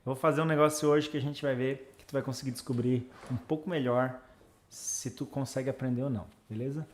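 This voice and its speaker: A man's voice: mid-range voice, fairly even intonation, a little fast. A man from Brazil, tutoring exam students on a casual live stream and chatting through viewers' comments. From Santa Catarina, Brazil.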